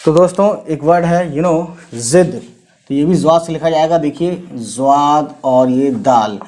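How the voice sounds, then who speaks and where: A man teaching as a language tutor, talking casually, slowly sounding out letters and often adding little tag questions to check on his students. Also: a little high, dark tone. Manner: slow, repeats letters and sounds out spellings; frequent "theek hai" and "hai na" tags.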